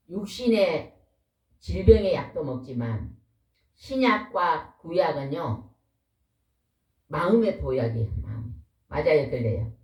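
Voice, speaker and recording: A woman preaching a lively, folksy sermon, a pastor's wife who keeps asking the congregation questions. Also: deep voice. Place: church hall. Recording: echoey hall, voice from far off.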